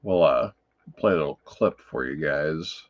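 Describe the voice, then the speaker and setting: A man's voice: very deep voice, unhurried, highs cut off. A man hosting a casual livestream about films, talking in a rambling, profane way, full of fillers. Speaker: livestream host.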